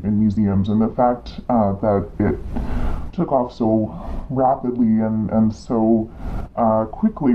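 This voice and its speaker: An anonymous guest whose voice is digitally altered to sound deep, talking in a halting, casual way with many restarts. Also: highs cut off, a little hiss or hum. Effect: voice digitally altered to sound deep, to hide identity. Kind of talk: casual interview talk.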